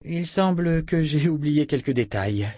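A man's voice: a little high, expressive, unhurried, mellow, no echo, clean studio sound, voice pushed up. A man voicing a stern, commanding female inquisitor in a raised, scolding voice, in an audiobook.

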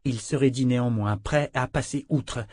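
A man narrating a fantasy novel in a measured reading voice, voicing the dialogue himself. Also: medium pitch, darkish tone, no room sound. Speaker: audiobook narrator.

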